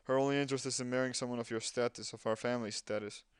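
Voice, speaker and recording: A man's voice: mid-range voice, fairly even intonation, very fast, clean tone, no echo. A man doing let's play commentary, reading game dialogue aloud and breaking off with sarcastic asides. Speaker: gamer playing a game.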